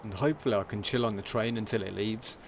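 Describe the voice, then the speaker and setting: A man streaming a game, talking through it in a casual, monotone commentary. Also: lowish voice, quick pace, vocal fry, background noise.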